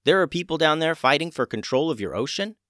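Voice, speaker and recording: A man voicing a young ninja woman, yelling in a very high voice. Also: animated, fast, no echo, studio quality. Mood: frantic.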